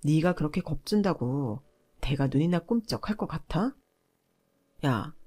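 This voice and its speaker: A woman's voice: low-pitched, a little mellow. A woman voicing an arrogant young husband who lectures his wife with contempt.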